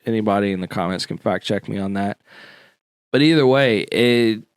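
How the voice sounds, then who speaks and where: Laid-back man co-hosting a podcast, low-pitched and resonant, dry room. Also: moderate pace, smooth, dry recording. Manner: laid-back, explains history with slang and fillers. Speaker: podcast co-host. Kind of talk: casual podcast chat.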